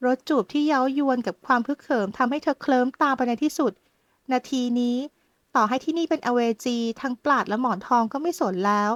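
A woman narrating a romance novel audiobook in a steady, measured way. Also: sits high, dry recording.

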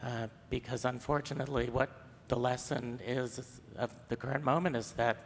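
A man answering on a conference panel in a grave, deliberate way, speaking into a table microphone in a large hall. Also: mid-range voice, steady tone, vocal fry, a little hiss or hum. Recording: reverberant hall, faint ambience.

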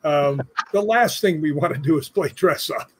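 A man's voice: fairly high pitch, normal speed, slight background noise. An older man, a guest on a video call, telling joking stories with chuckles. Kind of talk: casual video-call interview.

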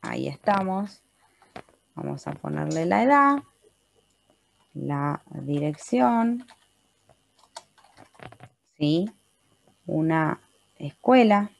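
A woman's voice: low-pitched, animated, extremely slow, creaky, long pauses. An Argentine woman teaching a webinar computer class, walking her students through a spreadsheet step by step and often checking in with a patient "¿sí?". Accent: Argentine Spanish. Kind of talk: step-by-step software tutorial. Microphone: computer mic in a webinar.

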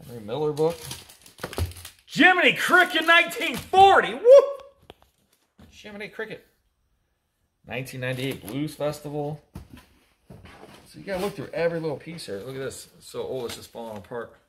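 A man's voice: fairly high pitch, big pitch swings, normal speed, pauses often, a bit bright. Man, 30s, auctioneer, casual chatty commentary, reads labels aloud, teasing, faint background noise. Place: indoor storage area with block walls.

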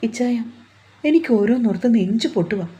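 A woman's voice: a little high, lively intonation, brisk, husky, muffled recording. Woman doing a shy, anxious young bride-to-be. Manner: hesitant, pleading, soft.

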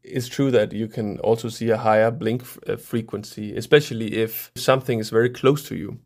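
A man's voice: on the low side, steady tone, brisk, a little mellow. A middle-aged man from Denmark, a researcher, explaining science to kids in a thoughtful way, with many fillers and restarts. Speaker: researcher guest.

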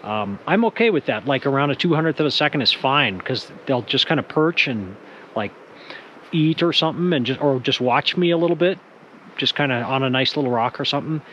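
A wildlife photographer chatting casually in a vlog, relaxed and self-deprecating, out in a rocky field at dusk. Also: male voice, medium pitch, fairly quick, dull audio, slight background noise.

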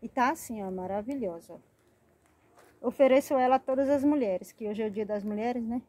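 A woman's voice: on the high side, fairly quick, dark tone. A woman hosting a casual gardening vlog, chatting affectionately as she names and shows each of her plants. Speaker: plant channel host.

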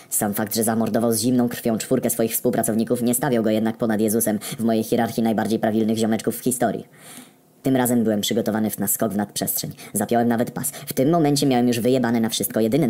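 A man narrating a comedic story in a deadpan, wry tone with frequent swearing. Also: on the low side, quick pace.

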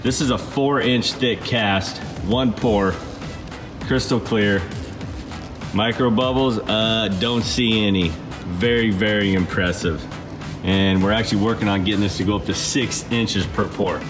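A man's voice: fairly low pitch, measured pace, over music. A man hosting a casual vlog, walking through a warehouse and chatting with coworkers in an upbeat, chatty way. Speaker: vlog host giving a warehouse tour. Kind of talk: casual walk-and-talk vlog. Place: large indoor warehouse. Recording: echoey warehouse room sound.

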